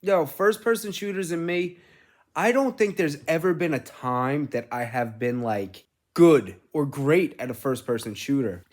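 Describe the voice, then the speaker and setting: A middle-aged man, rambling casually as a vlog host, telling things in an animated way with casual swearing. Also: on the high side, a little slow. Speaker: gaming streamer and host.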